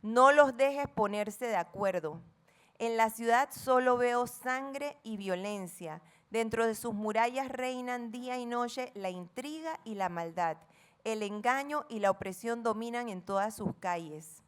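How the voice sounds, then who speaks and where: A woman's voice: on the high side, unhurried, smooth. A middle-aged woman with a Panamanian accent preaching a sermon, reading scripture dramatically and asking the congregation questions. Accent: Panamanian Spanish. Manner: playful asides acting out friends' chatter.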